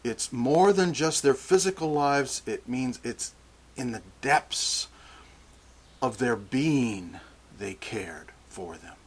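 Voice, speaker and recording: An older man preaching a sermon, slow and deliberate, often restarting his phrases. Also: mid-range voice, animated, husky.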